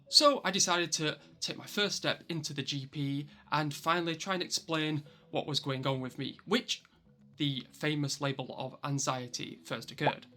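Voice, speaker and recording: A man's voice: fairly high pitch, bright, forceful tone. A man in his thirties with a broad Yorkshire accent narrates a personal vlog to viewers, with wry, self-deprecating asides. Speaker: YouTube vlogger.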